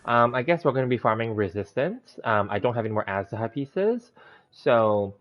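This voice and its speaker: A man's voice: mid-range voice, expressive, normal speed. A man chatting casually as he hosts a gameplay livestream, rambling through each step, with a slight lisp as if he just bit his tongue. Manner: rambling step-by-step self-narration. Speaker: live-streaming game host. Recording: dull, lo-fi sound, background music. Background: music.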